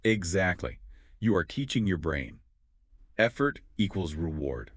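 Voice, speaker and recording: A man's voice: low voice, expressive, a little slow, no echo, clean studio sound. A man co-hosting an explanatory podcast, confidently walking through ideas step by step. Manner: confident, explains in clear steps. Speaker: podcast co-host.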